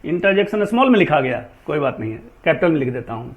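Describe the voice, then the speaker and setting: Male teacher, high voice, very animated pitch, slow word-by-word drills, corrects mistakes. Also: dull audio. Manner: drills pronunciation slowly, scolds common mistakes. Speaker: English teacher. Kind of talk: classroom grammar lesson.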